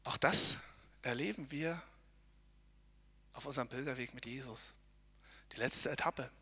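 Earnest male preacher, talks straight to the listener, sharp and tense tone, a long ringing echo. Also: mid-range voice, measured pace, breathy edge. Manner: earnest, addresses listeners directly with tag questions. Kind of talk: devotional talk while hiking. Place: outdoors on a mountain trail.

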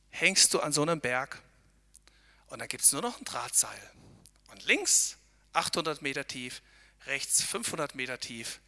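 A man's voice: a little high, pushed and bright, in a large hall. A man giving an earnest devotional talk outdoors on a mountain trail. He speaks straight to his listeners and keeps checking in with short tag questions. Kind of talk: devotional talk while hiking.

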